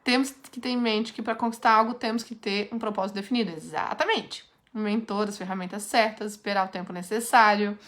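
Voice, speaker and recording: A woman's voice: mid-range voice, fairly even intonation, brisk, hardly any pauses, fairly bright tone. A woman leads a live online mentoring session, reading participants' questions aloud and answering them in a direct, coaching way.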